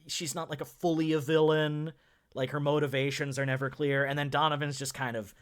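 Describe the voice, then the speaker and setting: A man's voice: a little high, little pitch movement, fairly quick, clean tone. A man co-hosting a podcast, talking casually and at length about films, often laughing as he talks. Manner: chatty, rambling, laughs while talking. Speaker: podcast co-host. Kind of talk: casual film-review chat.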